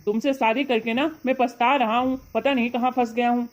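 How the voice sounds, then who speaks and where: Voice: mid-range voice, steady tone, normal speed, dark tone, lightly acted. A voice actor playing a young husband who complains to his wife and backs down before his mother in a cartoon story. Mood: complaining. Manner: complaining, then apologetic. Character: young husband, grumbling then sheepish. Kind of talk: cartoon voice acting.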